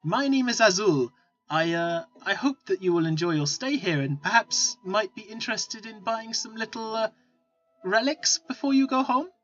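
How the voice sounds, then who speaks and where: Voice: mid-range voice, lively intonation, moderate pace, a bit bright, voice pushed up, lightly acted. A game master voicing a shifty male desert merchant who fawns, stammers and dodges questions while angling for coin. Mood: fawning. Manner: stammering, fawning salesman patter. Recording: lo-fi with faint music.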